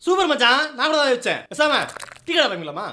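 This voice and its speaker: A man's voice: extremely high pitch, big pitch swings, very fast, pushed and bright, exaggerated voice. A man playing an eager, gushing sidekick buddy in a comedy sketch. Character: excitable, eager sidekick buddy with silly ideas.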